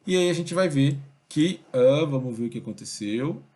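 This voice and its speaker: A young man teaching a programming lesson in a relaxed, conversational way, thinking aloud and checking in with his students often. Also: fairly high pitch, moderate pace. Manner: conversational, thinks aloud, many fillers like "beleza?" and "ó". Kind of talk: casual screen-recorded coding lesson.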